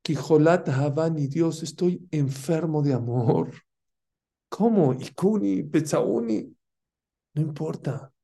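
A man's voice: a little high, slow, dark tone. A man giving a fervent religious lesson, asking his listeners rhetorical questions and mixing Hebrew terms into his talk. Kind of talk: Torah lesson.

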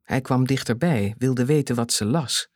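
This dark thriller audiobook is read by a narrator with a husky tone and animated pitch, who paces things carefully and leans on dramatic pauses. The recording is close and dry, free of any room sound.

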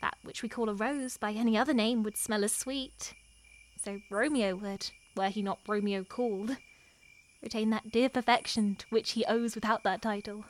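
A woman performing a lovestruck, wary young noblewoman in a Shakespearean scene, her delivery moving between hushed and impassioned. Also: on the high side, fairly even intonation, normal speed, close to an everyday voice, low-quality recording. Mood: longing. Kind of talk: Shakespearean stage acting.

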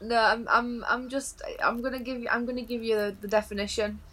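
A woman's voice: on the high side, steady tone, brisk, a bit bright. A woman in casual chat on a podcast, playing a quiz contestant, giggly and playful, rambling through answers.

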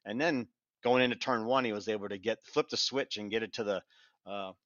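An American man speaks briskly as a reporter on a podcast panel, rambling casually through race details and repeating or restarting phrases. His voice is lowish and fairly bright, and the recording is dull, lo-fi, and very dry with no echo.

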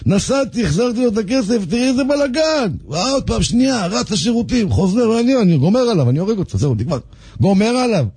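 A man's voice: high voice, very animated, a little mellow, slightly rough, no echo, pitched above the performer's own voice, heavily acted. A man voicing another furious man, ranting in a raised, strained voice. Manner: ranting, agitated. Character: furious sick man ranting about revenge.

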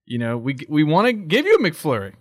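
A man's voice: a little high, huge pitch swings, brisk, no echo, clean studio sound. A man co-hosting a show, chatting casually in a tongue-in-cheek manner. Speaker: podcast and radio co-host. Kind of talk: casual chat.

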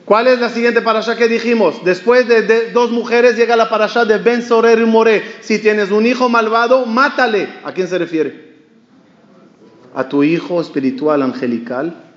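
A male rabbi giving an animated sermon, asking the audience questions and acting out the lines of a story. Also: sits high, moderate pace. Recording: dull, echoey hall recording.

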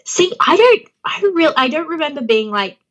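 Speaking high, a little fast and very animated, this young Australian pro wrestler chats as an interview guest in a slightly bright voice. She has a phlegmy throat, laughs frequently and leans on plenty of filler words in the casual conversation.

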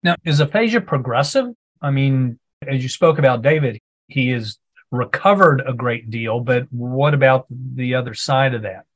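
Medium-pitched male podcast interviewer. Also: moderate pace, poor audio. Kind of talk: conversational interviewing.

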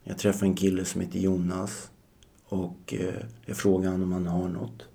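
A man's voice: sits low, completely flat delivery, vocal fry, mellow. A man in his forties, a podcast guest telling his life story in a reflective way, often hesitating. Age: 40s. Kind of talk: personal storytelling.

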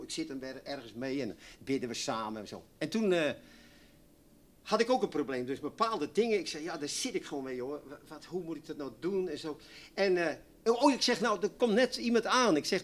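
Animated man preaching with sweeping highs. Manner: animated, swings from loud exclamations to hushed near-whispers. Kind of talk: sermon.

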